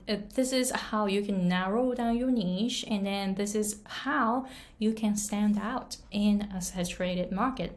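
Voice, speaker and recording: Slow-talking woman. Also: mid-range voice. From Japan. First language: Japanese. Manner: earnest, repeats and restates phrases, light laughs. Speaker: English pronunciation coach. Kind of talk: casual talk to camera.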